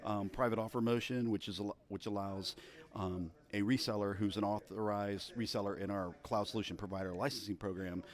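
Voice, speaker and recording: A man with a low voice answers interview questions at a busy conference. He explains in a steady, measured way, full of business terms. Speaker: interview guest, product marketing director.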